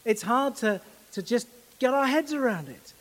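A man preaching a sermon in a measured, earnest way, pausing to stress his words. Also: very high voice, animated, a bit bright, in a large hall, rough recording. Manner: measured, earnest, with slow emphatic pauses.

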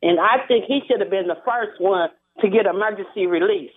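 A woman calling in to a radio talk show over the phone, speaking hesitantly with halting restarts. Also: mid-range voice, husky. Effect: phone line. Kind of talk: call-in radio. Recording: tinny phone line.

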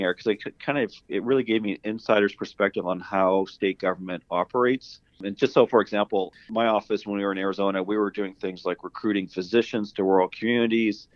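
This is a fairly low-pitched male voice with no room sound: a middle-aged Canadian pharmacy dean guesting on an interview, rambling casually and leaning on "you know" and "kind of." The voice track is dull and lo-fi.

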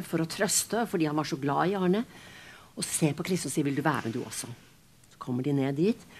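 A woman retelling a story in a casual, animated and dramatic way, with frequent restarts. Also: lowish voice. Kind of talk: casual spoken retelling of a novel.

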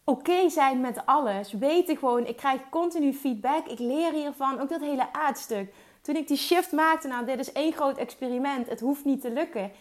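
High-voiced woman coaching with energy. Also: moderate pace. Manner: energetic, mixes English words into Dutch, emphatic repetition. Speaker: podcast host and business coach. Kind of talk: solo motivational podcast talk.

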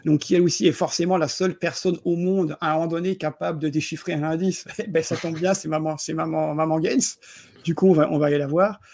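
Gravelly, fairly high-pitched man, casual film review chat, stumbling repeats. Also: steady tone, fast, a little mellow, no room sound. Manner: stumbling, repeats words often, chuckles while talking. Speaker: podcast co-host reviewing films.

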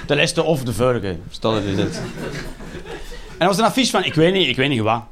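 A man's voice: medium pitch, sing-song, fairly quick, a crowd in the background. A Flemish man in his thirties doing a sarcastic, swearing stand-up rant. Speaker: stand-up comedian.

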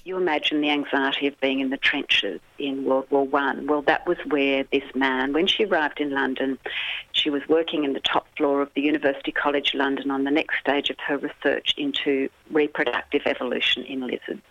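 An interview guest recounts a story earnestly and vividly, pausing to gather thoughts. The audio is dull and lo-fi, dry with no room sound. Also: mid-range voice, level tone, fairly bright tone, no room sound. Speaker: guest author.

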